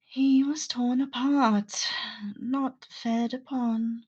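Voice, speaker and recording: A woman voicing a wary young female investigator in whispered role-play, speaking in a hushed, breathy whisper. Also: high voice, fairly even intonation, very slow, muffled recording, pitched above the performer's own voice, full character voice.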